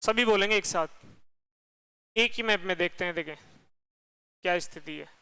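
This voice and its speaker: A man teaching a geography class, firing quick questions at his students and repeating the answers himself. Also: high-pitched, pushed and bright, clear, resonant tone, low-quality recording.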